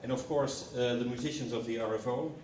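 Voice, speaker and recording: Slightly mellow and medium-pitched, his steady voice moves fairly quickly over slight background noise. The hesitant broadcasting executive, using lots of fillers, delivers a formal English welcome speech to guests in a contract signing ceremony hall, captured with roomy, distant sound.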